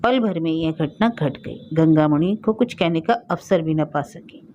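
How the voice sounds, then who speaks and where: A woman reading a story aloud as a storyteller, in a steady, expressive scripted narration. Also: low-pitched, unhurried. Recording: dull lo-fi recording.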